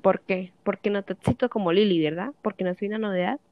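A woman reads audiobook dialogue as a jealous, bitter fifty-year-old wife, furiously accusing and questioning her husband. Her voice is medium-pitched, fast and close to everyday speech. The audio sounds dull with no room sound.

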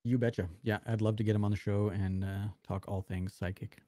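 A man co-hosting a casual chat show, laid-back and quick to laugh along. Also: on the low side, little pitch movement, warm tone, no room sound, clean studio sound. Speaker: podcast co-host.

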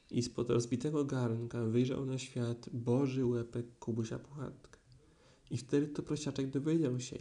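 Mellow male storyteller. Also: medium pitch. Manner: gentle, expressive read-aloud. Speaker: narrator. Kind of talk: audiobook storytelling.

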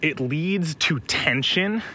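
A man's voice: a little high, animated, slow, pushed and bright, slightly rough. A young man vlogging outdoors while he runs by a river, a little out of breath, rambling and swearing as he argues a contrary point. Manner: profane, rambling, provocative. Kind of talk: running vlog monologue. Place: outdoors, running along a riverside.

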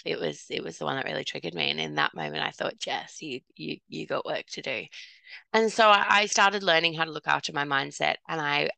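Gravelly low-voiced businesswoman. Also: sharp tone, no room sound. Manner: chatty and self-deprecating, with frequent restarts. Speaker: podcast guest, business owner. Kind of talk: candid storytelling in conversation.

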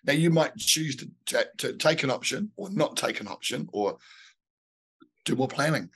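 Halting man in business chat. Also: mid-range voice, lively intonation, a bit bright, breathy edge. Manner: halting, repeats words while thinking. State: a bit unwell with a bug. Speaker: podcast co-host.

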